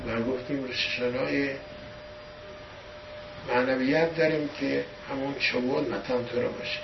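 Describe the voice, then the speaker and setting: A man giving a storytelling sermon as a religious teacher, pushing key words louder for emphasis. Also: mid-range voice, noisy background. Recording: echoey room from a distant dull mic.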